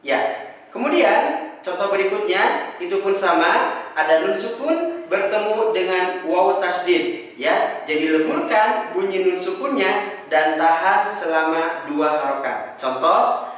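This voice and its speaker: Very reverberant room, high male voice, Indonesian accent, Quran teacher, deliberate over-enunciated instruction. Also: expressive, a bit bright. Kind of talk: instructional lesson with chanted examples. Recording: very echoey room, distant microphone.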